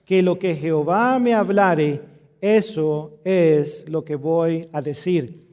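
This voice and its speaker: A man preaching, speaking as a firm, solemn prophet making a slow vow. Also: on the high side, darkish tone, long reverb tail, voice pushed down.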